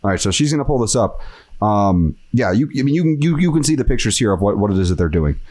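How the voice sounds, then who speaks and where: A man's voice: on the low side, very animated, quick pace, a little mellow. A man hosting a podcast, talking in casual chat and ranting with exasperated energy. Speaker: podcast host.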